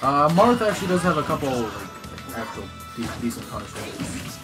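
A man's voice: mid-range voice, big pitch swings, moderate pace. A young man casually chatting and defending himself while gaming with friends. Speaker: gamer. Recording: game music behind voices.

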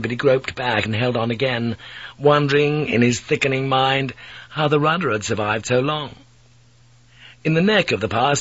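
Husky man narrating an audiobook. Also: mid-range voice, no room sound. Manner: vivid storytelling, shouts the characters' cries.

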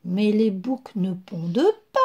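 A woman's voice: medium pitch, big pitch swings, slow, muffled recording, voice pushed down. A woman voicing a kindly, sensible red hen who explains things patiently in a children's storybook. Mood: explaining.

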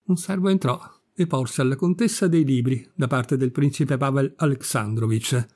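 A man reading a classic story aloud as narrator, measured and unhurried. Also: mid-range voice, a little mellow. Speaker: audiobook narrator. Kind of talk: scripted literary narration.

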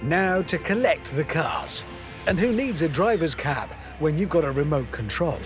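A man narrating a documentary voice-over in a wry, lively way. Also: fairly high pitch, moderate pace, over music.

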